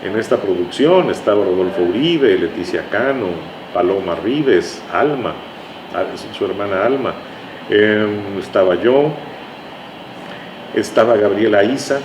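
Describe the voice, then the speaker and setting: This interview guest, a Tabasco-accented Mexican man who's a writer and radio drama veteran, speaks in a lowish, animated voice at a slightly slow pace. Reminiscing conversationally, he often hesitates, hunts for words and repeats himself. Recorded indoors in a bookstore, the audio is roomy with faint background noise.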